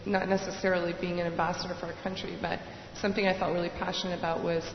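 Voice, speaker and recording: A woman's voice: fairly low pitch, flat delivery, fast, background noise. A woman from Hong Kong, a panel speaker, telling her story reflectively with frequent fillers. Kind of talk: personal story at a panel event. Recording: dull echoey hall with faint ambience.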